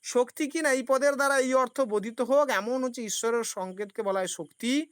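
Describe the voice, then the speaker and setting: A woman's voice: fairly high pitch, a little fast, smooth, no echo, clean studio sound. Woman teaching, quizzing herself aloud. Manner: poses questions and answers them herself; explains with everyday examples. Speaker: philosophy teacher. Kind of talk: exam-prep lecture.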